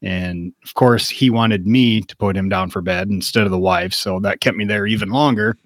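A man co-hosting a casual podcast, talking in a wry, relaxed, joking way. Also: fairly low pitch, normal speed, dry recording, clean studio sound. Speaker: podcast co-host. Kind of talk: casual podcast review chat.

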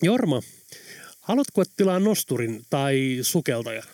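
A man doing brisk, practical Veera. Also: medium pitch, sing-song, darkish tone, no room sound, lightly acted. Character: brisk young woman, tech-savvy and practical. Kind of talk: audiobook character voice.

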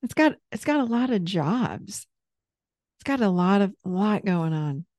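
Gentle, mellow-voiced woman therapist. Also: medium pitch, lively intonation, unhurried, no room sound, clean studio sound. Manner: gentle, patient, coaching prompts. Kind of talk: guided parts-work session.

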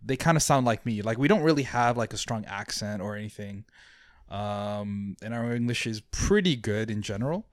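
A man's voice: lowish voice, lively intonation, moderate pace, dry recording, clean studio sound. A young man from Mauritius, raised in Saudi Arabia, chatting as an interview guest, with lots of fillers and restarts. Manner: hesitant, many fillers and restarts, chuckles easily. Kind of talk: casual interview chat.

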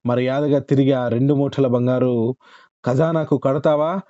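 A man's voice: medium pitch, steady tone, moderate pace, warm tone, no echo, lo-fi sound, natural voice. A man voicing angry royal soldiers who scold and threaten a captured villager in a folk tale.

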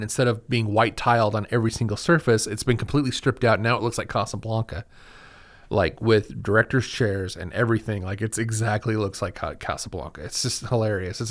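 A man casually recapping a film on a podcast, rambling with lots of restarts and enthusiastic asides. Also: fairly low pitch. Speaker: podcast host.

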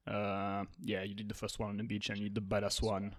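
A man's voice: lowish voice, monotone, a little fast, no echo, clean studio sound. A man co-hosting a podcast, asking questions in a casual, hesitant way with many fillers. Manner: hesitant, many ums and uhs. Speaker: podcast co-host. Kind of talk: casual interview conversation.

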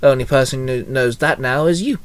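A man's voice: medium pitch, brisk, lightly acted. A man voicing a curt, secretive male villain in a fan fiction reading. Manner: curt, huffing. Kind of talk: fan fiction read aloud.

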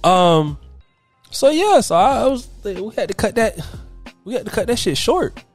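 A blunt, profane man carries a podcast monologue on his own, retelling phone calls and quoting both sides as he goes. His pitch leaps high and sinks low all the time. Faint music plays under his voice. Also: unhurried. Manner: animated, swings between loud and low, quotes people in his own voice; blunt and profane, lots of fillers. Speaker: podcast host. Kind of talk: casual storytelling monologue.

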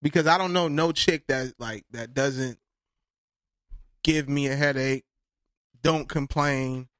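A man's voice: medium pitch, takes it slowly, fairly bright tone, dry recording, studio quality. A man in his thirties co-hosting a casual podcast chat, boastful and joking, often breaking into laughter. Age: 30s. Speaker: podcast co-host.

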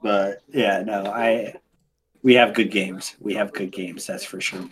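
A man chatting casually as a podcast guest, animated and excitable, often restarting his sentences. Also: on the low side, unhurried. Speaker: podcast guest, game streamer. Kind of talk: casual interview chat.

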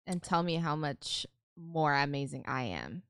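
A woman's voice: low-pitched, sing-song, a little slow, fairly bright tone, smooth, dry recording, studio quality. Giggly, blunt young woman co-host. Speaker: podcast co-host. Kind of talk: casual podcast chat. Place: apartment in Los Angeles.

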